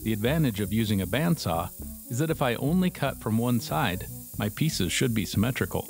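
A man's voice: mid-range voice, animated, a little fast, creaky. A middle-aged man giving dry, matter-of-fact scripted narration for a metal workshop how-to, with wry asides. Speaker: metalworking instructor. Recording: voice-over with music bed.

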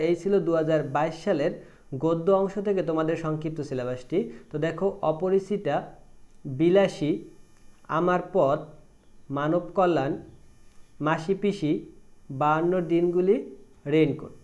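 A man's voice: on the high side, normal speed, pauses often, darkish tone. A man teaching from Bangladesh, with a Bangladeshi Bengali accent, reads out a syllabus item by item and speaks directly to his students. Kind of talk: reading out a syllabus list.

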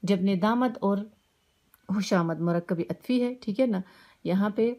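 A woman teacher with a Pakistani Urdu accent and a medium-pitched, dark voice reads a story aloud. After each line she glosses words with simple synonyms, often checking in with her students by asking "ٹھیک ہے نا".

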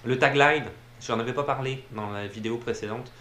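A man's voice: mid-range voice, a little fast, sharp tone. A man casually reviewing films, rambling with many fillers and repeated words. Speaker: film reviewer. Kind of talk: casual film review talk. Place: room with a TV playing behind him. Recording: roomy echo, faint ambient noise.

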